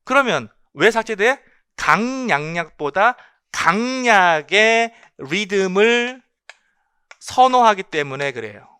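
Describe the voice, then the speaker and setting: A man's voice: high-pitched, animated, slow pace, bright, forceful tone, clean tone, no echo, studio quality. A man giving an exam-prep lecture on English linguistics, emphatic, asking rhetorical questions and repeating key points.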